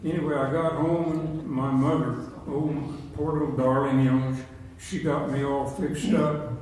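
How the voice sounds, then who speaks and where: A man's voice: on the high side, little pitch movement, a little slow, a little mellow. An older man telling folksy, chuckling stories from his younger days to a group. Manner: folksy, chuckling through anecdotes. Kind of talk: casual storytelling to a group. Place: large echoey room with a group. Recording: very echoey room, mic from a distance, faint noise.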